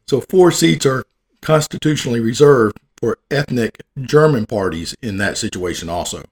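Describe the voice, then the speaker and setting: Reading facts with joking asides, this Southern American presenter has a folksy, wisecracking style and occasionally trips over hard words. He speaks at a moderate pace in a medium-pitched, expressive voice.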